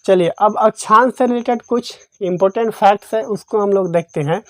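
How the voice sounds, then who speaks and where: A woman's voice: mid-range voice, a little fast, dry recording. Woman teaching geography in a dry voice-over. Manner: repetitive quiz-style, asks and answers her own questions. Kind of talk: exam-prep lesson.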